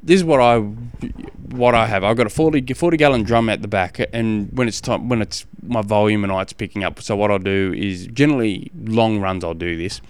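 A man with an Australian accent and a smooth, fairly low voice offers casual coaching advice on his podcast, explaining haltingly and frequently repeating phrases.

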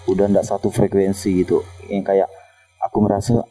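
A man appearing as a guest on a casual podcast, speaking calmly and plainly. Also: sits low, moderate pace, slightly rough.

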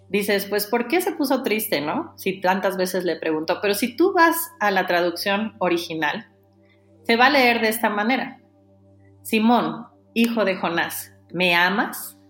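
A woman preaching a sermon, animated, acting out the dialogue in a lowered voice. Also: a little slow, echoey room, soft background music.

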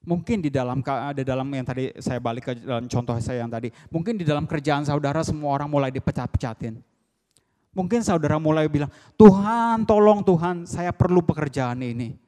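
A male preacher giving a sermon who mixes English words into his talk and breaks into a high, loud voice when he acts out the crowd. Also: fairly quick. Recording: long reverb of a large hall.

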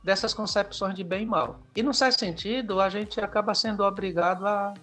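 Um professor brasileiro de sociologia, convidado, explica conceitos de forma pausada e acadêmica. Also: male voice, high-pitched, steady tone, bright, forceful tone, faint music behind. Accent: Brazilian. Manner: measured, lecturing, with pauses. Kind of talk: explanatory academic talk.

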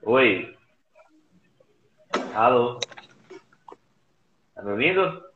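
A man speaks over an internet call, his voice thin and boxy like a phone line, with a hollow echo around it. He is an interview guest telling his story casually, halting and often repeating words at a middling pitch. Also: sing-song, slight background noise. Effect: heard over an internet call line. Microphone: remote call device. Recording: tinny echoey call audio.

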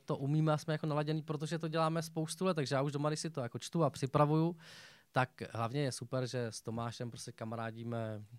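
A man's voice: a little high, fairly even intonation, no room sound. A young man chatting as a talk show guest, rambling along with many fillers and restarts. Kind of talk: casual chat.

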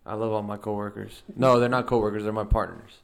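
A young man co-hosting a podcast, low-key and dry with wisecracks in casual chat. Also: level tone, quick pace, gravelly. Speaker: podcast co-host.

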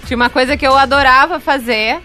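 Bright, high young southern Brazilian woman. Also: fast, soft background music. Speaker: radio co-host. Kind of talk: casual live banter.

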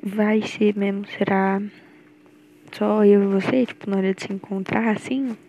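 A woman's voice: mid-range voice, steady tone, measured pace, warm tone, highs cut off. A young woman with a Brazilian accent recording a rambling, nervous, affectionate voice message for her girlfriend. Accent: Brazilian Portuguese. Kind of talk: intimate personal voice message.

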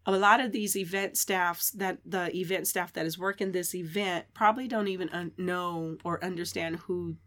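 Bright-voiced woman telling a story. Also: on the low side, moderate pace, hardly any pauses. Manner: animated storyteller, bursts into loud laughter. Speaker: podcast co-host. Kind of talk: casual chat. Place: live-streamed podcast session.

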